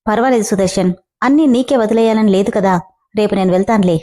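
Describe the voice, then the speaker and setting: A woman's voice: medium pitch, quick pace, dark tone, natural voice. A woman reading the lines of a stern middle-aged father who scolds his family. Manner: gruff, scolding.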